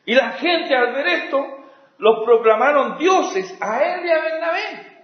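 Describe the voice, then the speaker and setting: A male pastor preaching with passion, swinging from loud exclamations to hushed asides. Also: very high-pitched, animated, a little slow. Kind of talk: sermon. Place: church sanctuary. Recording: echoey, dull lo-fi church recording.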